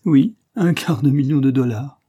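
Guy doing a gruff bragging old cop boss, loud and emphatic, husky, audiobook. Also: mid-range voice, lively intonation, moderate pace, pitched above the performer's own voice. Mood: gruff, boastful. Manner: gruff, sardonic, raised and emphatic. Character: gruff boastful aging male police commissioner.

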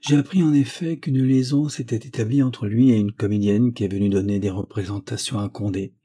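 A man's voice: fairly low pitch, fairly even intonation, a little fast, dark tone, close to an everyday voice. Man reading as a pleading old grandfather. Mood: earnest. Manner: earnest, tender entreaty.

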